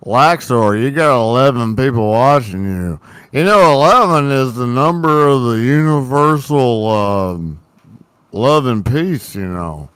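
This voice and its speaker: A man chatting on a livestream in an animated, jokey way, full of fillers. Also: medium pitch, unhurried, smooth, no echo, studio quality. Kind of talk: casual chat on a livestream.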